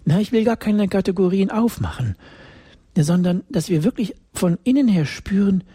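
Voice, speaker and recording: Middle-aged preacher, emphatic sermon, repeats lines, whispers for effect, very breathy voice, dry close sound. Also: mid-range voice, expressive, moderate pace, dark tone, dry recording.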